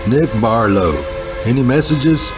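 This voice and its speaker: A man puts on a hardboiled noir hero narrating a parody radio drama. He is deadpan, terse and slangy, with a mid-pitched voice and prominent music underneath. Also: a little slow, natural voice. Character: self-important hardboiled male private-eye type, slangy bank manager. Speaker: narrator and lead character.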